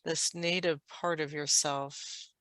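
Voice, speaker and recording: Lady channeling a galactic being, real slow, bright voice, dry close sound. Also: low-pitched, fairly even intonation, no echo. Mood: gentle. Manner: slow, halting, formal phrasing. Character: galactic being speaking through a channel, calm and unhurried. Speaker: trance channel. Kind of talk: channeled spiritual guidance.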